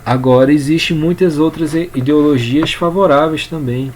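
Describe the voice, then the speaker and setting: A man with a Brazilian Portuguese accent giving an informal spoken lesson on communication, unhurried and repeating words as he explains. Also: a little high, darkish tone, slight background noise. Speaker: communication coach.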